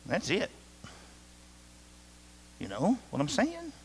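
A man's voice: sits high, huge pitch swings, slow, a little hiss or hum. A middle-aged man preaching a sermon as pastor, conversational and joking, speaking straight to his congregation. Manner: conversational, jokey, talks to the congregation directly. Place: church sanctuary. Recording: reverberant church hall.

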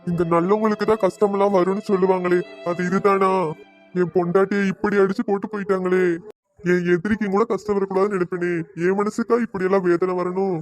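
A voice actor playing a sorrowful husband and father in a cartoon who laments in a weary, flat way. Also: medium pitch, fast, faint music behind, close to an everyday voice. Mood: mournful.

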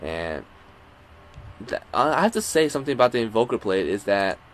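A man casually commentating a video game match, getting excited when the action heats up. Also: lowish voice, brisk, a little hiss or hum. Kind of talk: casual esports play-by-play.

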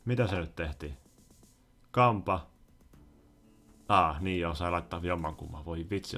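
A young man commentating his own gameplay in a let's play, muttering to himself and then bursting out loudly. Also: sits low, gravelly. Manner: excitable, talks to himself, swings from mutters to loud outbursts. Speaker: gaming YouTuber.

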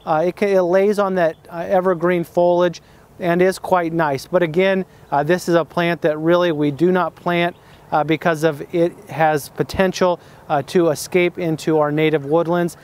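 A man's voice: fairly high pitch, little pitch movement, normal speed, darkish tone. A man hosting a plant identification lesson outdoors, talking off the cuff with many fillers and restarts.

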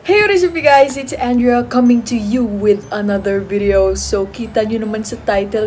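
A teenage girl with a Filipino accent talks chattily, switching between English and Tagalog as she snacks and answers questions. Her voice sits at an ordinary middle pitch. Background music runs clearly underneath, recorded at home on a camera at the table. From Philippines. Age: teens. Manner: chatty, mixing English and Tagalog, eating while talking. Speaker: vlogger. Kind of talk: casual mukbang Q&A vlog. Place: home room indoors, seated at a table with food.

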